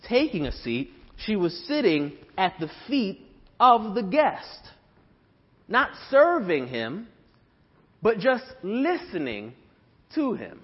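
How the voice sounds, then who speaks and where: A young man preaches a sermon in a relaxed, chatty way, often pausing on fillers and starting phrases over. His voice sits a little high for a man. The sound is dull and lo-fi, with a long reverb from the church hall around him. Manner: conversational, with frequent fillers and restarts. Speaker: pastor. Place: church sanctuary.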